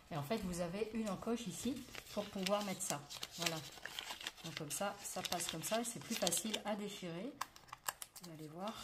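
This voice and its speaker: A French crafts vlogger with a lowish voice shows off supplies at a table indoors, not in her home, filmed on a phone camera. She chats casually through each step, narrating her hands with many fillers and "voilà," while loud crinkling and clicking fill the recording.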